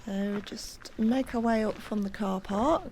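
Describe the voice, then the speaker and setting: Out on a hillside, a walking vlogger narrates a casual tour in a mid-range, slightly mellow voice at a measured pace, with a little background noise. She's chatty and hesitant, with plenty of ums, and is at times out of breath from the climb.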